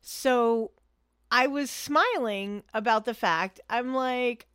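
A woman's voice: fairly high pitch, slow, a bit bright, smooth, no echo, clean studio sound. Blunt, profane woman telling driver stories. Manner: blunt, profane, exasperated storyteller. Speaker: co-host and rideshare driver. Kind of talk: casual storytelling chat.

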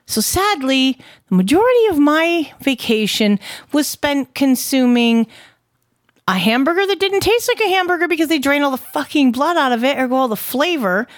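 A woman's voice: high-pitched, animated, moderate pace, dry recording, studio quality. A woman with a Southern US accent co-hosting a podcast, telling stories casually in an emphatic, folksy, sweary way. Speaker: podcast co-host. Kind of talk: casual conversational storytelling.

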